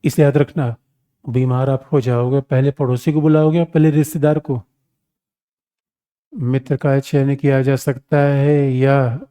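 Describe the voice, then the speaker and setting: A man's voice: medium pitch, mellow. A man teaching an exam-prep lecture on international relations, speaking casually and animatedly, calling his students "my children" and asking them rhetorical questions.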